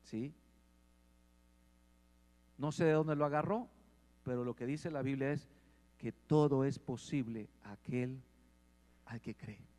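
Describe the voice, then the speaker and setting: A man preaching a sermon, asking the congregation questions and growing louder at points. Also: mid-range voice, slow, long pauses. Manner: asks the congregation questions and swells in volume. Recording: long hall reverb.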